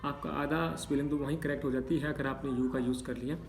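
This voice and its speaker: A man's voice: mid-range voice, fairly even intonation, fast, gravelly, a little hiss or hum. A male teacher explaining spelling rules to his students, patiently walking through example after example and checking in with a repeated "okay.".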